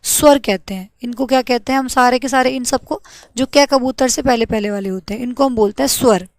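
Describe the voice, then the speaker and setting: A young woman teaching an English grammar lesson to exam students, asking and answering her own questions and spelling out letters slowly. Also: a little high, darkish tone, no room sound.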